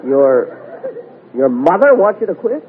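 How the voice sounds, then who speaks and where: Man, 1940s radio comic, deadpan indignant timing, old AM radio sound, raised voice. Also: a little high, a little slow. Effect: old AM radio broadcast sound. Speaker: radio comedy host. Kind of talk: 1940s radio comedy acting. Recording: tinny, hissy 1940s AM radio broadcast.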